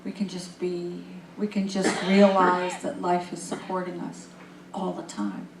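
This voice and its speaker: A woman minister giving a sermon, calm and gently guiding, warming into lively storytelling. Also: fairly low pitch, a little slow, recorded from a distance, crowd noise. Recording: echoey room.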